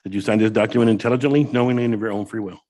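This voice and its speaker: An American man speaking as a judge, reciting formal courtroom admonitions in a brisk, rote, procedural way like a court clerk. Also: fairly low pitch, steady tone, warm tone.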